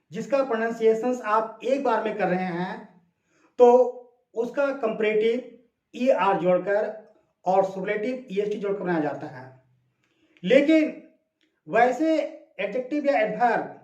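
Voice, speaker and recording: Slow, high-voiced male tutor in a roomy room. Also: darkish tone, dull audio. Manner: slow and deliberate, repeats example words, asks questions to listeners. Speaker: English grammar tutor. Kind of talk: classroom-style grammar lesson.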